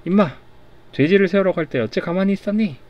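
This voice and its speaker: A man doing a brash shouting butcher warrior. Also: sits high, extremely slow, muffled recording, pitched above the performer's own voice. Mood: angry. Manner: shouting, bossy. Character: brash hot-tempered male pork butcher warrior.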